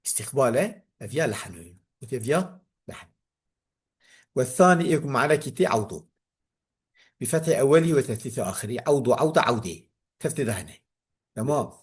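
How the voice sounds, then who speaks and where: A man's voice: mid-range voice, darkish tone, breathy edge. A man with a Kurdish accent teaching a classical grammar text, reading it aloud and then explaining it.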